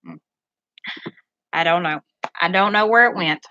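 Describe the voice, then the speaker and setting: A woman's voice: on the low side, unhurried, bright, forceful tone, no echo, highs cut off. A woman chatting casually to her live-stream audience from her bedroom, a little nervous and rambling, often losing her train of thought. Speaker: tarot reader and streamer. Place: bedroom at home, pets nearby.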